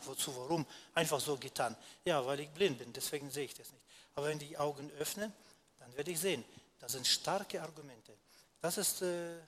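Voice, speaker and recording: A man's voice: fairly high pitch, a bit bright. A man teaching in a sermon, explaining step by step and answering his own rhetorical questions, with frequent hesitations.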